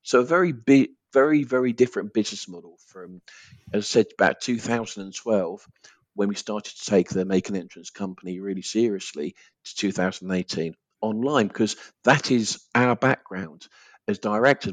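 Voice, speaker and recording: A man's voice: on the low side, normal speed, dry recording. A man with an Essex accent chatting informally as a guest in a conversational interview. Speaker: podcast guest, business owner.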